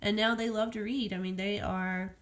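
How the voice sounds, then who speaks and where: A woman's voice: mid-range voice, fairly even intonation, moderate pace. A woman who homeschools, talking casually and rambling as she demonstrates letter sounds in a phonics tutorial recorded at home. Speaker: homeschool teacher.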